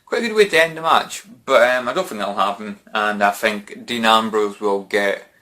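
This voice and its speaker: A man's voice: on the low side, normal speed, sharp tone. A man giving casual wrestling predictions to camera, rambling with lots of fillers and restarts. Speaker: wrestling fan vlogger.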